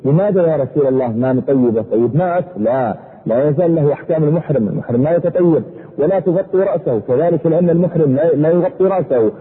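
A man preaching a sermon in a husky voice, fervent, his pitch sweeping up and down. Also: expressive, fast talker. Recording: echoey hall over a tinny phone-like line.

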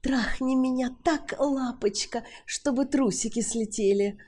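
A woman voicing a brazen, seductive woman who teases and coaxes in a breathy, mocking way, in an audiobook reading. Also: high-pitched, unhurried, a little mellow, voice pushed up.

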